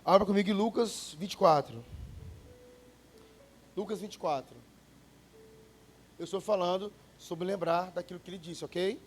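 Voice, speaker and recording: Pastor guy preaching, chatty storytelling, kinda high voice. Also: normal speed, long pauses, slight background noise. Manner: conversational, storytelling, joking with the congregation. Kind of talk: sermon.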